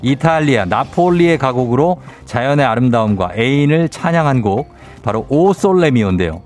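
Lively, playful male radio DJ. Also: medium pitch, moderate pace, soft background music. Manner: playful, teasing banter with a caller. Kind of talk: radio quiz show hosting.

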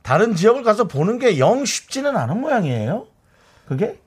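A man's voice: sits high, sing-song, fairly quick, darkish tone, slightly rough. A man co-hosting a radio show, musing aloud and sharing anecdotes in a casual chat. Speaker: radio co-host.

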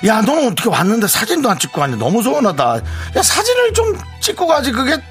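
A man's voice: huge pitch swings, fast talker, faint music behind, exaggerated voice. Man playing a brash, self-centered pushy friend. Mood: whiny, aggrieved. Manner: loud, overbearing, with sudden swoops of pitch. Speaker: radio co-host. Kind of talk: radio skit acting.

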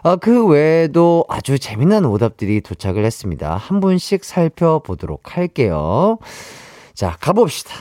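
A man's voice: fairly high pitch, very animated, moderate pace, hardly any pauses, warm tone, dry recording. A man hosting a radio show, playfully reading out listener entries and acting some of them out. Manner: playful, reads out jokes and mimics them.

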